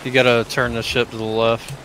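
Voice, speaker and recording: A man playing a game with a friend, talking slowly, getting excited and laughing often. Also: mid-range voice, noisy background. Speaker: co-player. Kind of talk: casual gameplay chat.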